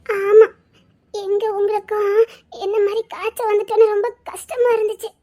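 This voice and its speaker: A woman voicing a sweet, feverish little girl in a Tirunelveli Tamil drama, soft and pleading. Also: extremely high pitch, level tone, normal speed, pitched above the performer's own voice. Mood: tender.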